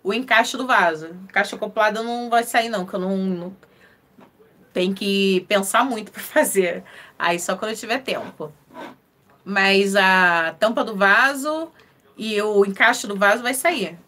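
A woman's voice: medium pitch, measured pace, fairly bright tone, a little hiss or hum. A woman with a Rio de Janeiro accent hosting a casual crochet live stream, chatting in a friendly way and laughing often as she greets viewers by name. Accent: Carioca (Rio de Janeiro) Portuguese. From Rio de Janeiro, Brazil.

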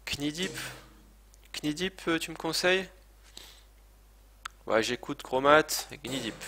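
A man with a fairly high, pushed and bright voice comments on a live-streamed video game at a slow pace with lively intonation. He's chatty yet hesitant, swears and pokes fun at himself. A desk microphone catches slight background noise and game sound from speakers.

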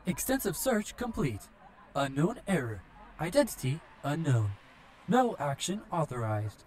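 A man's voice: fairly high pitch, very animated, measured pace, darkish tone, slight background noise, voice pushed up. A man doing a prim android guard. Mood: mechanical. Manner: stiff, courteous, robotic phrasing. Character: polite, formal android gate guard. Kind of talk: audiobook character voice.

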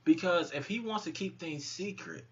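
A man in his thirties co-hosts a casual live chat from his home kitchen, animated and teasing, laughing a lot as he argues. His voice sits high at normal speed, captured in muffled lo-fi webcam audio.

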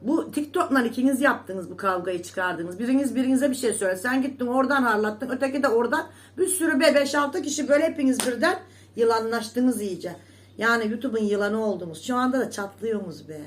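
A woman's voice: on the high side, brisk. A woman vlogger in a casual monologue to her viewers, scolding and indignant, repeating herself with emphatic oaths.

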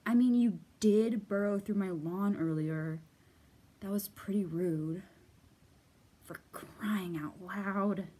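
A woman voicing a big grumpy but lonely bear from a children's picture book, in a slow, exasperated manner. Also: medium pitch, warm tone, husky. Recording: echoey room, faint background noise.

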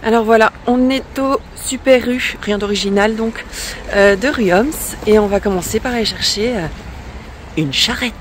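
A woman in her forties chatting casually as a travel vlogger, with many filler pauses, talking to a camera held at arm's length. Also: a little high. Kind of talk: casual vlog narration. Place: camper van and outdoor campsite. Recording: noisy road and vehicle background.

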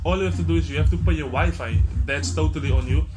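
A man's voice: on the high side, fast talker. A man in his twenties with an Afrikaans-tinged South African accent, chatting casually to camera as a blunt, slangy vlogger. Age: 20s. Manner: blunt, slangy, mildly sweary. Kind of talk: casual tutorial chat to camera. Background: music.

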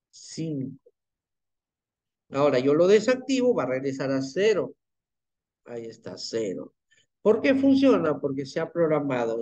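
A man's voice: on the high side, a little mellow. Man teaching an online class. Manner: patient, checks in with "¿ya?" and "¿ven?". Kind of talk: live online class, screen-share demo. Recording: muffled lo-fi online class audio.

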